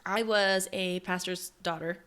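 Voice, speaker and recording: A woman from Peru who grew up in the US, talking as a guest in a casual interview at her home, chatty and quick to laugh. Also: on the low side, fairly even intonation, fairly bright tone, clean tone. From Peru, raised in the US. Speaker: guest, intimacy coach.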